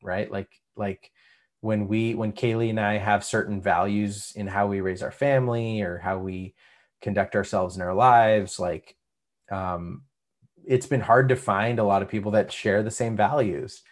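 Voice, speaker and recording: A man's voice: on the low side, steady tone, a little slow. A man co-hosting a podcast, talking reflectively and hesitantly over a remote call. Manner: reflective, hesitant, many fillers and restarts. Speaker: podcast co-host. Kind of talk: casual podcast chat. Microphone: remote call recording.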